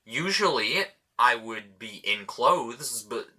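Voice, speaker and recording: Bright-voiced young man ranting to camera. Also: mid-range voice, lively intonation, slow. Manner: blunt, swears often, rambling asides. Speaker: vlogger. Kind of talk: casual storytelling vlog.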